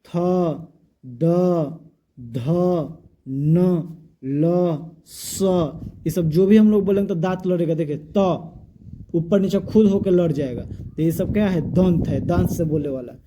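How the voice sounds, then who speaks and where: Teacher with a dark, voice. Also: male voice, sits high, moderate pace. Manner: repetitive call-and-response questioning, drills sounds aloud. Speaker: grammar teacher. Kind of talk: classroom lesson.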